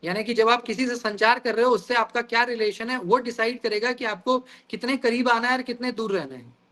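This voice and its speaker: A man's voice: very high voice, a little fast, bright, forceful tone. A man teaching an online exam-prep class over a video call, explaining terms through everyday examples and often calling the students "guys".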